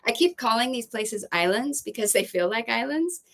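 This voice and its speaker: A woman's voice: on the high side, expressive, moderate pace. A woman co-hosting a casual live stream, chatting and reading out viewer comments. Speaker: boat vlog co-host. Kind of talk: casual livestream chat.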